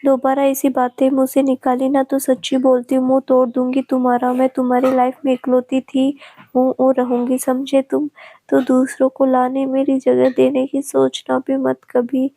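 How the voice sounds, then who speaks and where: A demanding young bride-to-be scolds her distracted fiancé, as a woman narrator reads her part. The voice sits high and barely moves in pitch, with a soft, mellow tone. It is a storybook reading, recorded close and dry. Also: monotone, moderate pace, creaky. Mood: scolding. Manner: scolding, pouty.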